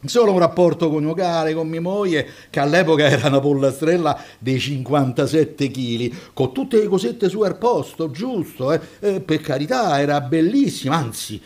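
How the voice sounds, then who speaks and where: A man's voice: a little high, animated, moderate pace, hardly any pauses, darkish tone, close to an everyday voice. A man voicing a crude, chatty older taxi driver who chuckles as he rambles. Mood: boastful.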